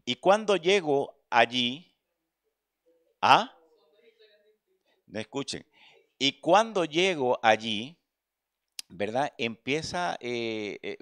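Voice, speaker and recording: A man's voice: on the low side, creaky, no echo. Earnest preacher man, dry close sound. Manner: earnest, addresses listeners as brother. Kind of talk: sermon with personal testimony. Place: church.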